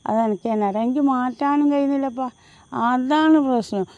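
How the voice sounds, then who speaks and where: Speaking high and fairly fast with a darkish tone, the woman comes through on dull audio. She is a home tutor and vlogger in her fifties from Mahe, Puducherry, with a Mahe Malayalam accent, talking casually to her phone on an early-morning walk outdoors, full of fillers and frequent restarts.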